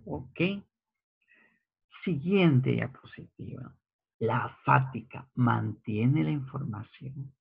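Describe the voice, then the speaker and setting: A male teacher giving a slide lecture, slowly repeating key phrases and asking rhetorical checks. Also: mid-range voice, vocal fry, slightly rough. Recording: tinny phone-like audio.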